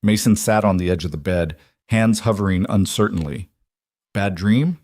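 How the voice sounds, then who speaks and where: A man narrating a scripted story in a calm, even manner. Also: low voice, a little fast, no echo.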